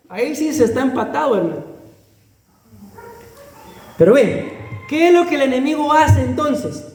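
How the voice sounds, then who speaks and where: A man's voice: very high voice, a little mellow. A male pastor with a Guatemalan accent preaching a sermon in a conversational way, often calling the listeners brother and laughing lightly between phrases. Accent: Guatemalan Spanish. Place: church hall. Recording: echoey church hall with long reverb.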